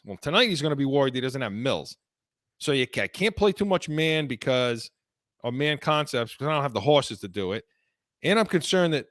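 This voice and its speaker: A man's voice: on the high side, no room sound, studio quality. A man co-hosting a sports podcast, talking heatedly about football and breaking off and restarting his sentences, his voice worn from illness. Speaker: podcast co-host.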